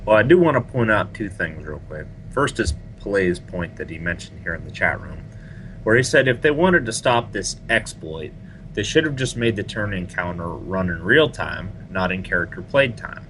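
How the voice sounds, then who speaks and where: A man hosting a casual gaming podcast, talking in an animated, complaining way and laughing easily. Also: sits low, normal speed, a little hiss or hum, poor audio. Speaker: podcast host.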